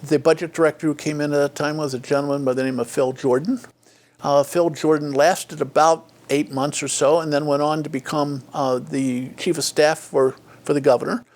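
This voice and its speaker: A man's voice: fairly high pitch, flat delivery, normal speed, darkish tone. An older man telling stories from his career in a reflective interview, with many restarts. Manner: frequent fillers and restarts, acts out quoted dialogue. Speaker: interview guest, former state official.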